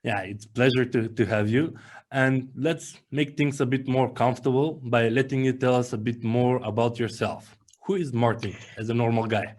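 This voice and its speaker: A man hosts an interview over a video call. His voice is mid-pitched and plain. He welcomes the guest and asks short, friendly questions. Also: fairly even intonation, normal speed, darkish tone. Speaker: host.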